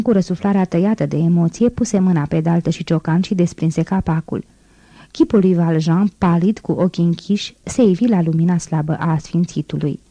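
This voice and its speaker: Woman audiobook narrator, low and very mellow, dry close sound, measured delivery. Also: dry recording. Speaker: audiobook reader. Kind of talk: scripted literary narration.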